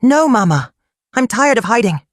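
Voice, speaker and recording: A storyteller voicing a frightened young bride in a folktale who speaks in short, soft phrases. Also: medium pitch, sing-song, normal speed, no room sound, clean studio sound, pitched above the performer's own voice. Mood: earnest.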